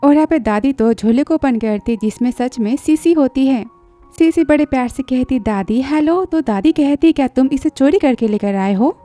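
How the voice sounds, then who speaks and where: A woman's voice: high voice, normal speed, mellow, faint music behind. A woman narrating a drama recap in a chatty storytelling way, briefly acting out the characters' lines.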